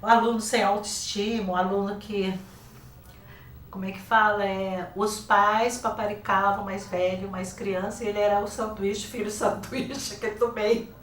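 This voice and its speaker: A woman's voice: medium pitch, moderate pace, distant mic, slight background noise. An older woman with a Brazilian Portuguese accent, a teacher telling classroom stories in a TV interview, acting out quoted dialogue. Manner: lively, acts out quoted dialogue. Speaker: guest author and teacher. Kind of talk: casual interview storytelling. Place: TV studio. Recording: roomy, off-mic studio sound.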